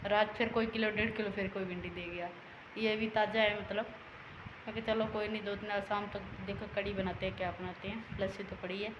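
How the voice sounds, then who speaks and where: A woman's voice: mid-range voice, flat delivery, a little fast, reverberant, background noise. A woman in her thirties, a mother chatting casually to viewers in a home vlog, recorded on a handheld phone. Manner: chatty, addresses viewers as guys. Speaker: vlogger, mother. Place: village home rooftop and rooms.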